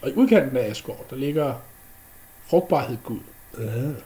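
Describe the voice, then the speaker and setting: Casual male storyteller with a lively voice. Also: medium pitch. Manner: casual, with fillers and sound effects. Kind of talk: unscripted myth retelling.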